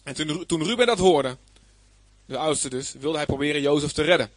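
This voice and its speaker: A man's voice: on the high side, normal speed, dry recording. A man preaching a Bible lesson, reading scripture aloud and then explaining it plainly, with emphasis and some hesitant fillers. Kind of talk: Bible teaching.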